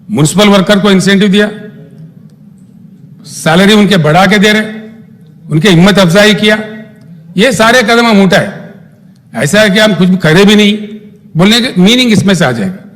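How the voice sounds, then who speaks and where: A man replying in a heated legislative debate, animated and retorting, switching between Hindi and English. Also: sits high. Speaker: chief minister. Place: legislative assembly hall. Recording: reverberant assembly hall.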